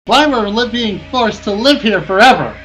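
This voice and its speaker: A woman's voice: fairly high pitch, expressive, moderate pace, faint music behind, lightly acted, poor audio. Woman putting on a bubbly Valley Girl. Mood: indignant. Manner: bubbly sorority-girl drawl.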